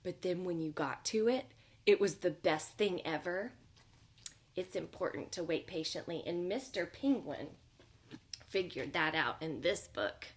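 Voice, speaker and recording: Gentle preschool teacher reading aloud. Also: female voice, fairly low pitch. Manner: gentle and expressive, unhurried. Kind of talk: reading a picture book aloud to children. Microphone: home video recording.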